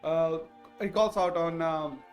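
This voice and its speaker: Casting note: male tabletop player, somewhat high voice, unhurried, soft music behind. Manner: slow, hesitant narration of his character's moves. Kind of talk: playing a tabletop game.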